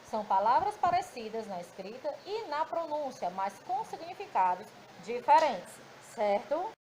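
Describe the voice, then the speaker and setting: A woman's voice: high voice, sing-song, moderate pace, dark tone, slight background noise, poor audio. A woman with a Brazilian Portuguese accent teaching a grammar lesson to children, recorded in a classroom, explaining patiently and often checking understanding.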